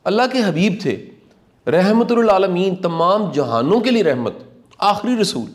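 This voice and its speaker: An expressive, high-sitting male voice belongs to a middle-aged motivational speaker. In this reflective talk he takes an earnest, preaching tone and stresses key lines by saying them again.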